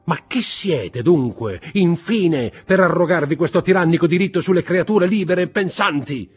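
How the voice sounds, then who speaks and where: Guy reading as a young man losing it, shouting, husky and higher than the narration. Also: huge pitch swings, moderate pace, faint music behind, full character voice. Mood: furious. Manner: shouting, reproachful outbursts. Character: young man, desperate and furious.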